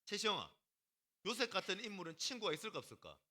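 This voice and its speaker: A male pastor preaching a lively sermon to a youth group, teasing the students, calling on them by name and acting out what people say. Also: high-pitched, fast talker. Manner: animated, teasing, acts out quotes and calls on students by name.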